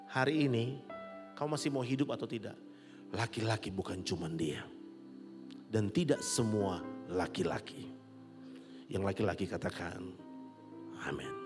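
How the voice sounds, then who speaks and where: A middle-aged man preaching a sermon as pastor, animated and rising to loud peaks. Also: fairly low pitch. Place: large church hall. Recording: long church hall reverb with soft music.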